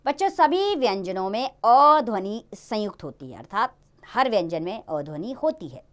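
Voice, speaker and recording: A woman teaching a Hindi grammar lesson to young children in a lively, sing-song way. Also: medium pitch, normal speed.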